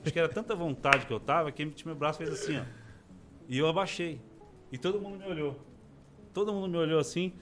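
Speaking fast in a fairly high voice over music, this interview guest in his forties relates his personal testimony in a relaxed chat. He's an expressive storyteller who performs the voices of those he quotes.

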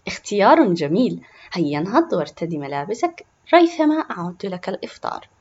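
A woman voicing a gentle, patient young mother in a storybook, speaking softly. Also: mid-range voice, sing-song, fairly quick, dull audio. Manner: soft, tender.

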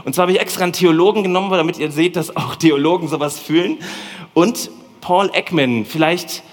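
A man preaching a lively, colloquial sermon in a church hall, speaking directly to the congregation. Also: fairly high pitch, a little fast, faint music behind. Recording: long hall reverb.

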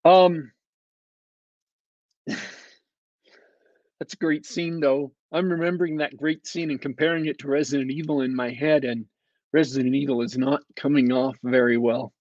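A man's voice: medium pitch, fairly even intonation, measured pace, long pauses, darkish tone, no room sound. A man hosting a podcast, giving a casual, sarcastic review that wanders off topic, full of ums and restarts. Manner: sarcastic, digressive, with many fillers and restarts. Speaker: podcast host reviewing a TV show. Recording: slightly dull, dry lo-fi sound.

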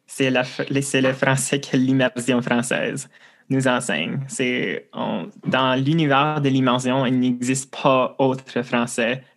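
Flat-voiced man mixing English. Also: mid-range voice, slow pace. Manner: relaxed, mixes in English words. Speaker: podcast co-host guest. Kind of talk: casual interview chat.

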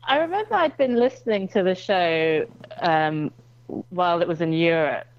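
A woman with an English accent chats as an interview guest, her voice sitting low and her humor dry and understated. The sound is close and dead with no room around it, and slightly dull and lo-fi. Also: expressive, normal speed, no room sound. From England. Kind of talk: casual interview chat.

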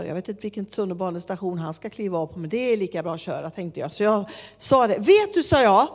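Woman preacher, higher voice, animated storytelling sermon, big echoing church hall. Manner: lively storytelling, acts out dialogue. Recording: long hall reverb.

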